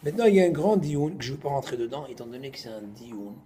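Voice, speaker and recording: A man, teaching an informal Torah class to students in an animated, joking way, moving between loud bursts and quiet asides. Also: medium pitch, fast talker.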